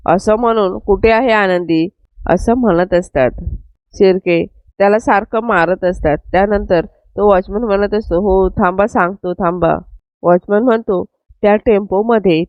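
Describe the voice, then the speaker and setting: A woman's voice: mid-range voice, dry recording. A woman retelling a TV serial episode in scripted narration, reading every character's lines in the same plain tone. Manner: retells scenes, voicing all quotes in the same plain tone. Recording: dry, dull lo-fi recording.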